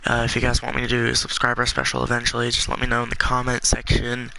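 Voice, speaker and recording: A man's voice: medium pitch, completely flat delivery, fast talker, vocal fry, sharp tone, no room sound, low-quality recording. A congested young man giving rambling, filler-heavy casual commentary while playing a game. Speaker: gaming YouTuber.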